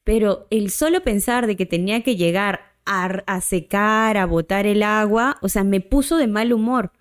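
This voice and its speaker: A woman's voice: medium pitch, normal speed, clean tone. A woman, a podcast host telling a personal story in a chatty way, often tagging her sentences with a questioning "right?". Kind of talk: casual storytelling.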